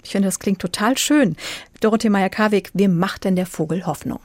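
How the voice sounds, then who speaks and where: A woman presents a radio book show, announcing releases and questioning a critic. Her delivery is clear. The studio sound is dry. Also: mid-range voice, fairly quick, no echo. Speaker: radio host.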